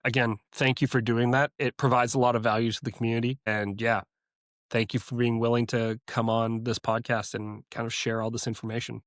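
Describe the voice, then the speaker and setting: A man's voice: medium pitch, level tone, fairly quick, no echo. Male podcast host, enthusiastic, thankful tone, dry close sound. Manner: enthusiastic, appreciative. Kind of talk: podcast interview.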